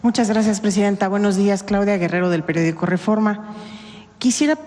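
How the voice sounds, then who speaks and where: A woman's voice: medium pitch, steady tone, brisk, warm tone. A woman reporter asking a formal, polite question at a press conference. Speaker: newspaper reporter. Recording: long reverb of a large hall.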